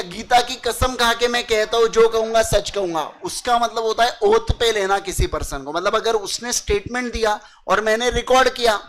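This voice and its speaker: A man's voice: high-pitched, a bit bright, rough recording. A young man giving a chatty lecture to students. He mixes in English terms and keeps checking that they understand. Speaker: teacher. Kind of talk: casual classroom lecture.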